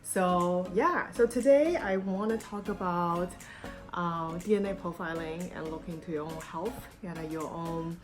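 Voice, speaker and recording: Woman from china raised in the us, rambly casual review vlog, lots of ums, lowish voice. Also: measured pace, soft background music. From born in China, raised in the United States. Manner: chatty, meandering, many ums and restarts. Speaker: YouTube vlogger.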